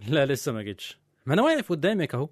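A man's voice: fairly high pitch, huge pitch swings, rapid-fire, dry recording, clean studio sound. Man playing a caring Egyptian husband. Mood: teasing. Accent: Egyptian Arabic. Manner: joking, then soothing. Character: teasing, caring young husband. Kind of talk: audio drama acting.

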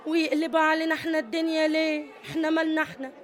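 A woman's voice: high-pitched, level tone, very fast, lightly acted. An actress with an Egyptian accent playing a tough, domineering middle-aged female prison boss who scolds and commands. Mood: bossy.

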